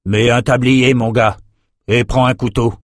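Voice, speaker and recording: Guy doing a stern old dad, gruff and bossy, pitched up some, dry close sound. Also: level tone, a little slow, dry recording, close to an everyday voice. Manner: scolding, insistent. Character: gruff older male father, stern, demanding.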